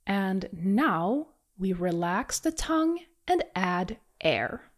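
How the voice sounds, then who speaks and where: A language teacher with a mid-range voice speaks slowly, her pitch swinging widely, as she gives a pronunciation lesson. Encouraging and reassuring, she models exaggerated rolled R sounds and pauses for learners to repeat them.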